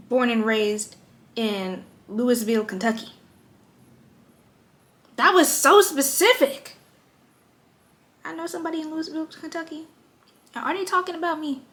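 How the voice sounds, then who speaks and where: A young woman lifestyle vlogger sits at her vanity and playfully chats through her everyday makeup routine, tossing in joking asides. Her voice is fairly high in pitch with a fairly bright tone, suiting this casual, chatty makeup tutorial.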